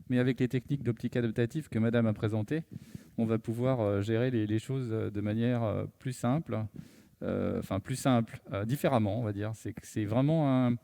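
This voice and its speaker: Mellow-voiced man explaining technology. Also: mid-range voice. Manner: careful, hesitant with many fillers. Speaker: panel speaker, engineer.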